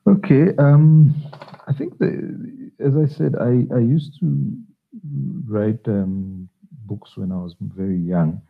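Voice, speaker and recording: Husky low-voiced man on a phone line. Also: takes it slowly. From Zambia. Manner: hesitant, many fillers and restarts. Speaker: guest, children's author. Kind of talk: interview answers.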